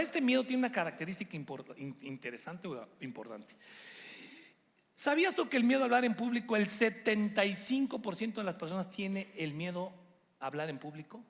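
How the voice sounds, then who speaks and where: A middle-aged man preaches from a church stage, his voice sitting a little high for a man. He talks with animation and slips into put-on voices for the people he quotes. The sound rings with the long reverb of a big hall. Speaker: guest preacher. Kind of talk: sermon.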